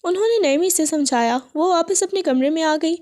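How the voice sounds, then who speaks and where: A woman reading a romance novel aloud, narrating in a steady, even storytelling manner. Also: very high-pitched. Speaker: novel reader.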